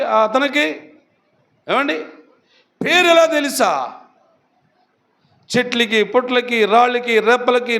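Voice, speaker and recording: Pastor guy preaching in a church hall, really high voice for a man, keeps repeating and asking the crowd questions. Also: fairly bright tone. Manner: emphatic, repetitive, rhetorical questions to congregation. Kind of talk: sermon.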